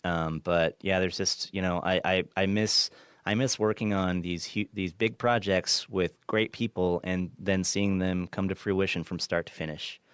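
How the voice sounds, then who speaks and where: A man's voice: low-pitched, steady tone, unhurried, fairly bright tone, clean tone, dry recording, studio quality. A man from Kansas, a former film assistant director, chatting casually as a podcast guest, restarting sentences, laughing easily and swearing now and then. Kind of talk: casual interview chat.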